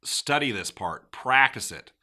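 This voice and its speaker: A man's voice: medium pitch, a little slow. A middle-aged man hosting a podcast, giving casual motivational sales advice and acting out sample lines in different tones. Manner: animated, acts out sample lines with shifting tone. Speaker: podcast host.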